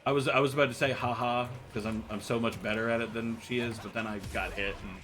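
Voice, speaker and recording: A fast-talking American man streams a game and chats casually with viewers, his medium-pitched voice keeping fairly even intonation. He rambles, jokes and laughs, with frequent stammered restarts.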